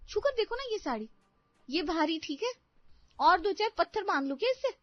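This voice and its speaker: A woman voicing a modern young newlywed bride who whines and complains in a high tone. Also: lively intonation, moderate pace. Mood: polite, annoyed. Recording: dry, slightly dull recording.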